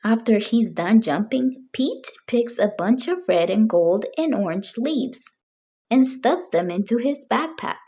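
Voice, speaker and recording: A woman reading a picture book aloud for young children, with deliberate, expressive phrasing. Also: on the high side, breathy edge. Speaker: children's storybook reader.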